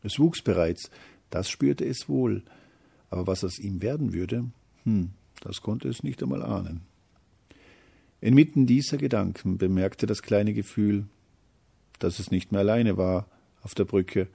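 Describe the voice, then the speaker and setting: A man narrating a storybook tale, his loudness rising and falling for drama. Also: on the low side, a little slow, gravelly, long pauses, breathy edge.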